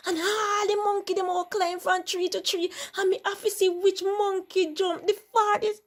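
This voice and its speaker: Woman voicing a high, wheedling young Jamaican crab son. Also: flat delivery, normal speed. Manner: wheedling, putting things off. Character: fun-loving young male crab, full of excuses. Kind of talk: storybook character voice.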